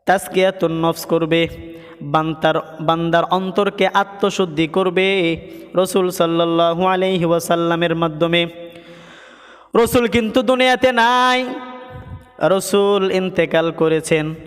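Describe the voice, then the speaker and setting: A man preaching a sung waz sermon, chanting lines in a melodic sing-song and rising to high emphatic calls. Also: level tone, moderate pace, smooth. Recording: echoey hall with music behind.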